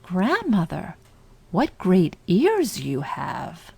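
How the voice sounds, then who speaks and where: A woman's voice: fairly low pitch, wildly swooping pitch, extremely slow, vocal fry, mellow, husky, dry recording, full character voice. A woman voicing an innocent, trusting little fairy-tale girl in an earnest, wide-eyed, singsong manner. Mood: wondering.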